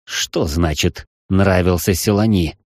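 A woman voicing a stern, imperious, suspicious male tycoon who speaks in slow, clipped, interrogating phrases. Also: a bass voice, a little mellow, no room sound, studio quality, voice pushed down, full character voice. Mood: stern, probing.

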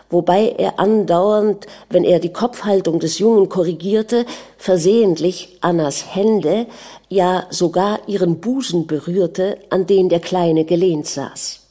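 A woman reads a novel aloud in calm, measured narration. Her voice is low and mellow, with a dark, soft tone that never pushes. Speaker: audiobook narrator. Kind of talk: scripted literary narration.

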